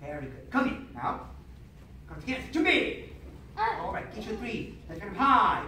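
Guy running a martial arts class, shouting counts and orders, super echoey gym, noisy. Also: sits high, very animated, moderate pace. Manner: barks commands and counts aloud to the class. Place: large indoor hall. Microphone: far-off camera. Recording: echoey noisy hall from far off.

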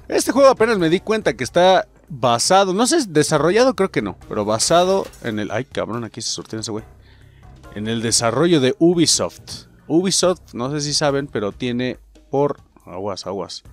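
A young man with a Mexican Spanish accent, commenting on his own gameplay with excitable, profane jokes aimed at his viewers. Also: medium pitch. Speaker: gaming channel host.

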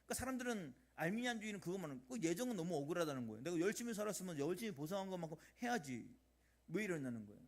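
A middle-aged man preaching a sermon as pastor of a church, animated, swinging between loud emphasis and quiet asides. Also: high voice. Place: church sanctuary.

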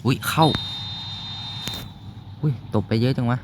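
A young man giving casual gameplay commentary, chatty, explaining the game as he plays and reacting with quick exclamations. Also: noisy background. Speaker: gaming YouTuber. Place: noisy spot at home.

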